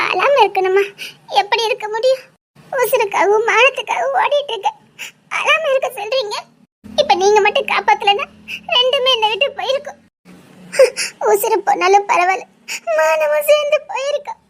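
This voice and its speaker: A frightened young woman on the run, as a woman acts her out in an audio drama, speaking with a Tirunelveli Tamil accent. Her voice sits extremely high, and she pleads and worries as if close to tears. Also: moderate pace, long pauses, a bit bright. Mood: tearful. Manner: anxious, pleading, often near tears.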